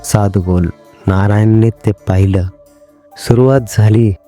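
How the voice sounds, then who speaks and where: A man narrating a horror story in a measured, suspenseful way. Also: fairly low pitch, steady tone, warm tone, faint music behind.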